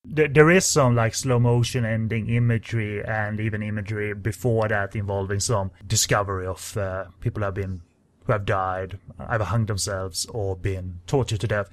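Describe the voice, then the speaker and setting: A man's voice: on the low side, steady tone, normal speed. A man reviewing a film in casual chat, critical and talking in long winding sentences.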